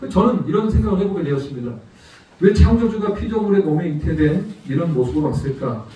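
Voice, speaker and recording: A man's voice: fairly high pitch, lively intonation, fast, dark tone. A middle-aged man preaching a sermon as a guest missionary. He tells a personal story and puts rhetorical questions to the congregation. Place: church sanctuary. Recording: echoey church hall from far off.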